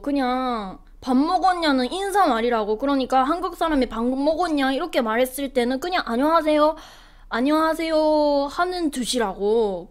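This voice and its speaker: A young woman with a Japanese accent and a stuffy nose, chatting playfully with her live-stream viewers and answering their comments. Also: sits high.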